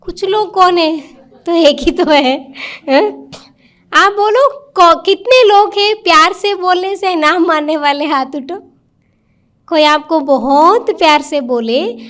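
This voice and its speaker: Woman, high-pitched, spiritual teacher, interactive talk, coaxing questions to the audience. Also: fairly bright tone. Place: meditation centre hall with a live audience.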